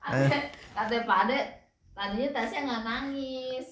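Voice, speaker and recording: A woman, the mother, chatting briskly and cheerfully about her daughter on a casual family vlog. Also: a little high. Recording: roomy home recording.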